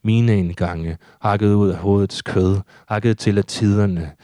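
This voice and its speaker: A man reading his own surreal prose poetry aloud in a steady, measured recitation. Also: on the low side, no echo.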